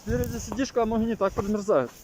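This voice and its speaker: Guy chatting casually outside on a quad, super loud wind and motor noise all over the mic. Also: high voice, steady tone, fast. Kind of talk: casual chat during an outdoor quad bike ride. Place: outdoors on a quad bike in frost and wind. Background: wind and motor vehicle noise.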